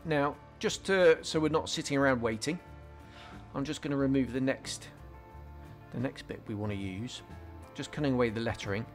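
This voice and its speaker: As he works on a hobby build, a man explains it in a laid-back way, with ums, pauses, and restarted sentences. Faint soft music sits under his mid-pitched voice in this relaxed tutorial voice-over from a scale modelling channel host.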